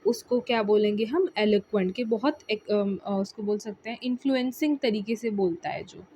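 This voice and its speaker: A woman's voice: on the high side, animated, moderate pace, mellow, a little hiss or hum. A young woman teaching exam vocabulary in a casual lesson, explaining patiently and repeating key words. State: tired.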